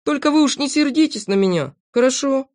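A cheeky, boastful little boy from a storybook, chattering excitedly in a high, bouncy voice that leaps up and down, as a woman puts him on. He pushes every line out loud and eager. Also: a little fast.

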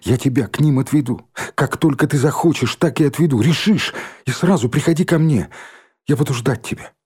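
A man's voice: medium pitch, a little fast, a little mellow, breathy edge. A man reading an audiobook, voicing an earnest, anxious schoolboy who speaks urgently and pleadingly.

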